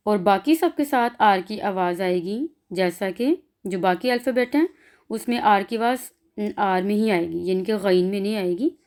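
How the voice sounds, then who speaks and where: A woman's voice: medium pitch, moderate pace, a little mellow. A woman with a Pakistani accent teaching a pronunciation lesson, saying example sounds one by one and explaining them in between. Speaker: language teacher.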